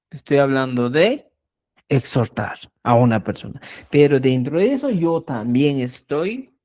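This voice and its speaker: A language teacher giving an online lesson, explaining with everyday examples and checking often that the class is following. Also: medium pitch. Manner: keeps checking understanding with "¿ya?". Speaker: Quechua teacher.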